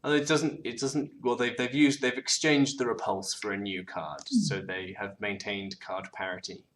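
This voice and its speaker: Playing an online card game as co-host, a man chats casually about the action, murmuring card names and restarting words. His pitch is fairly low with little movement, his speed normal, his tone a bit bright. Faint background noise can be heard.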